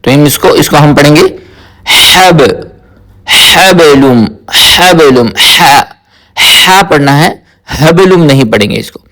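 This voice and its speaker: A man teaching tajweed word by word, slowly explaining rules and repeating each word several times in a chanted recitation. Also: on the high side, lively intonation, fairly bright tone. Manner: spoken explanation alternating with melodic chanted recitation. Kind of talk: word-by-word tajweed pronunciation lesson.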